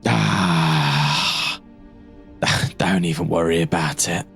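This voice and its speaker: A man's voice: low voice, very slow, creaky, fairly bright tone, voice pushed down, heavily acted. A man voicing a gossipy, weary guardsman in an improvised tabletop role-play, rambling and grumbling. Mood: dismissive gossip. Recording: music under the voice.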